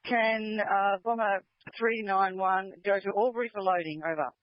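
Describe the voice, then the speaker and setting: A man's voice: sits high, steady tone, normal speed. A man making aerial firefighting calls over a walkie-talkie radio. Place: two-way radio transmission. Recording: noisy, clicking lo-fi radio.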